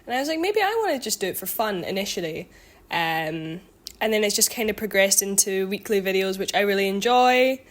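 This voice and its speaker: A woman's voice: medium pitch, lively intonation, fairly quick. Chatty twenty-year-old woman, rambling. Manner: rambling, lots of ums and likes, self-correcting. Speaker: vlogger and student. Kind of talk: casual chatty catch-up vlog.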